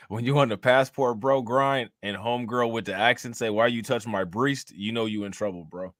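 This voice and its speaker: A man's voice: mid-range voice, moderate pace, no echo, studio quality. A man co-hosting a casual stream, explaining things in slangy storytelling and laughing often. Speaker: co-host of a reaction stream. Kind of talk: casual chat reacting to a clip.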